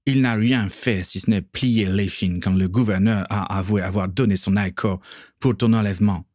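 A man's voice: lowish voice, steady tone, darkish tone, dry recording, clean studio sound, natural voice. A man voicing a remorseful, earnest young man in a read-aloud story. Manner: slow, deliberate.

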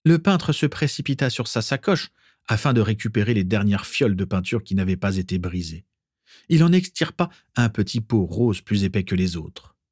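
A man narrating an audiobook with expressive, dramatic storytelling. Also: fairly low pitch, moderate pace, breathy edge, dry recording, clean studio sound. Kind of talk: audiobook reading.

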